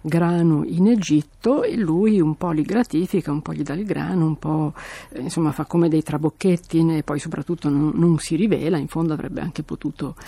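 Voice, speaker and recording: Man in conversation, gravelly and husky voice, thoughtful. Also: fairly high pitch, normal speed, warm tone, dry recording. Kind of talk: casual discussion.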